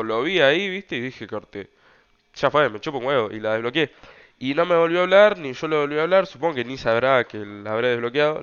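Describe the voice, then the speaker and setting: A man's voice: mid-range voice, a bit bright, clean tone, dull audio. A young man with an Argentine Rioplatense accent, hosting a podcast and telling a personal story in a loose, slangy way, full of fillers. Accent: Argentine Rioplatense Spanish. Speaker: podcast host. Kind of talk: casual storytelling monologue.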